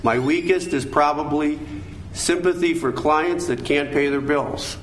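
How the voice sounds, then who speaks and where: An older American man speaking in a measured, earnest and formal way, as a candidate at a forum. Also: on the high side. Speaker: judicial candidate, attorney. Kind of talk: formal prepared statements and answers at a candidate forum. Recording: echoey room, background noise.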